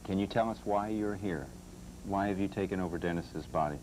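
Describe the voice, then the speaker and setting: A male television interviewer with a low, soft-edged, dark voice. He puts his questions calmly. The old broadcast carries faint noise. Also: fairly quick, rough recording.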